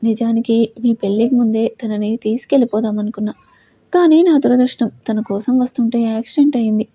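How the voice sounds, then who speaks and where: A smug, sneering male kidnapper in an audio story, as a woman narrator puts him on, talking down to his enemies with a casual, slangy mockery. The voice sits a little high and has a dark, husky tone, recorded dry and close. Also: brisk, no room sound. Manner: mocking, casual slangy address. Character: taunting male kidnapper, cocky and obsessive.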